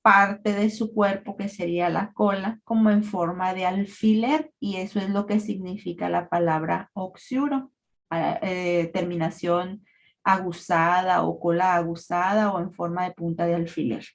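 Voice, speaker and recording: A woman giving a recorded parasitology lecture, explaining terms in a measured way with frequent fillers. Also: fairly low pitch, fairly even intonation, creaky.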